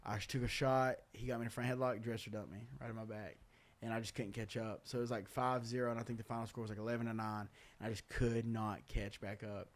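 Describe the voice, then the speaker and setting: A man's voice: lowish voice, little pitch movement, fast talker. A young man hosting a podcast, telling his story candidly with lots of "uh" and "man". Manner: earnest, candid, loose talk full of "uh", "man", "dude". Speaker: podcast host.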